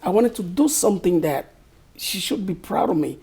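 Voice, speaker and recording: Interviewed as an author guest, a middle-aged man from Cameroon replies slowly and reflectively in a Cameroonian accent, often reaching for words. His high-sitting voice is sing-song, gravelly, and warm.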